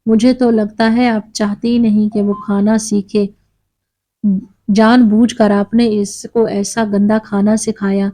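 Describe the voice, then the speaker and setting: Lady doing a bad-tempered grown son yelling at his mom, mellow-toned. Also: medium pitch, little pitch movement, close to an everyday voice. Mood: angry. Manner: scolding, shouting. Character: angry grown son, harsh and demanding.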